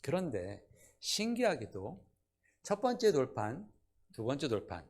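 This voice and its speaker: A man preaching a Sunday sermon in a church, lively, often putting questions to the congregation. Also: mid-range voice, measured pace. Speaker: pastor. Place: church sanctuary.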